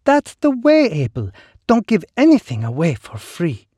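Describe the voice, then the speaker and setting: Brief: sly woman fixer, smooth and teasing, pitched well up, thin dry sound, put on by a male narrator. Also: huge pitch swings, measured pace, warm tone, no echo, full character voice. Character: sly elegant woman fixer, amused, worldly.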